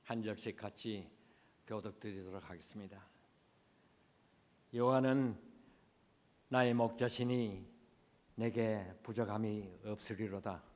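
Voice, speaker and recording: Man leading responsive reading, formal and even, reverb-y sanctuary. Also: lowish voice, unhurried, pauses often. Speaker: worship leader.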